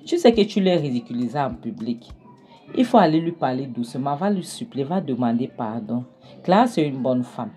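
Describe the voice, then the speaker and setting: A woman voicing a blunt male friend who lectures a broke man, loud and emphatic. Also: rumbling low, sing-song, normal speed. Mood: coaxing.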